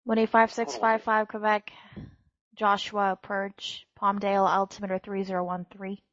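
A woman giving clearances as an air traffic controller in clipped aviation phraseology. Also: medium pitch, little pitch movement, normal speed, a bit bright, no room sound, lo-fi sound.

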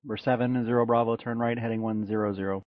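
A man's voice: mid-range voice, steady tone, quick pace. A man working as an air traffic controller, speaking in procedural radio style on dull, lo-fi audio.

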